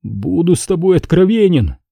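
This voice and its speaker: Narrator guy doing nervous whispery sub crewman, higher pitch, dark husky voice. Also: very animated, normal speed, dry recording, muffled recording, heavily acted. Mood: hushed anxious. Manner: whispering, anxious. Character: frightened submarine crewman, grown man, hushed.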